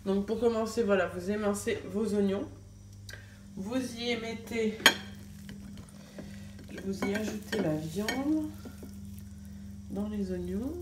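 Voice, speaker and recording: A woman's voice: mid-range voice, takes it slowly, long pauses, echoey room, noisy background. A young woman, a mother, chatting casually in a home vlog and recording on her phone, with lots of fillers and restarts. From France. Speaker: family vlogger. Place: home kitchen. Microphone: handheld phone camera.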